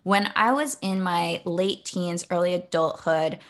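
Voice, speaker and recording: A young woman who is an author and coach guests on a podcast interview, chatting casually about her own story. Her voice is lowish and her pace measured, and she leans on "like" as a filler a lot.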